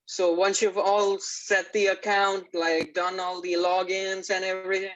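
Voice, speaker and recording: A man's voice: high-pitched, level tone, a little slow, fairly bright tone, muffled recording. A young man from Nepal giving a class project presentation, walking through technical steps with many "like" and "uh" fillers. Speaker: student presenter.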